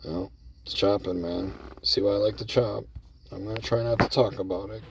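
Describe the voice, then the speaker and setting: A man's voice: on the low side, fairly even intonation, normal speed, creaky, distant mic, noisy background. A man talking casually from inside his parked car, cussing often and calling his viewers bro while commenting on his play. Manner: laid-back, swears often, calls viewers bro. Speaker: gambling strategy vlogger.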